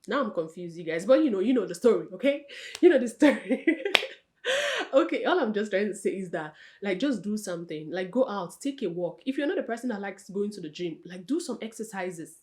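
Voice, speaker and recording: A woman's voice: mid-range voice, fast, few pauses. Young woman vlogger, mid-range voice, chatty and direct with her viewers. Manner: chatty, talks straight to viewers as "you guys" and "sis"; expressive, with frequent self-corrections. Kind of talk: casual advice vlog.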